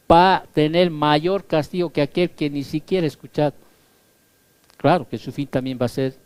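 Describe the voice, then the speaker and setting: Here a pastor preaches forcefully in a fairly high, smooth voice with a darkish tone, and there's no room sound at all. His points often end in a rhetorical "¿sí?", and he performs quoted voices as he goes.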